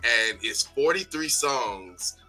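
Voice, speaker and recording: A man's voice: medium pitch, expressive, slow pace, pushed and bright, soft background music. A man hosting a morning talk show, upbeat and casual, calling listeners y'all and baby.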